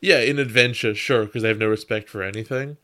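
A man's voice: mid-range voice, quick pace, pushed and bright. A man co-hosting a casual podcast about anime, chatting in a joking, riffing way. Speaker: podcast co-host.

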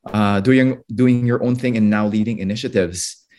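Low-voiced man interviewing a guest. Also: fairly even intonation, normal speed, darkish tone. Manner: fluent but hedging, many fillers. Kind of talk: interview questions.

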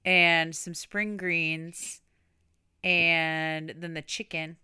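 A woman's voice: deep voice, flat delivery, drawn-out words, bright, forceful tone, clear, resonant tone, no room sound, studio quality. A woman co-hosting a podcast in casual chat, teasing her co-host playfully and laughing often.

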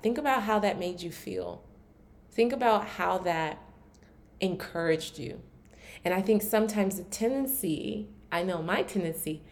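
Woman podcast host from Maryland with a slightly low voice, solo and candid, thinking aloud with plenty of fillers. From Maryland, USA. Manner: candid and reflective, with frequent "like" fillers and restarts. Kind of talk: casual solo podcast talk.

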